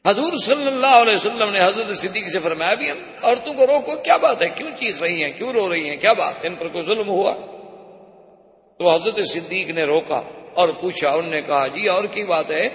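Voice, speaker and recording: A man's voice: high-pitched, fairly bright tone. A man preaching a sermon, telling a story dramatically and voicing the characters in it. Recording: echoey hall, dull lo-fi sound.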